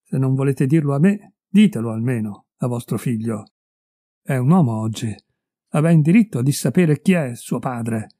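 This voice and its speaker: A furious, betrayed middle-aged husband, put on by a male reader hurls accusations at his wife and her lover. His voice climbs with anger over a very dark, mellow base. The storybook recording is dry and close. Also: mid-range voice, lively intonation, moderate pace, dry recording, lightly acted. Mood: furious, accusing. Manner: raised, heated and accusing.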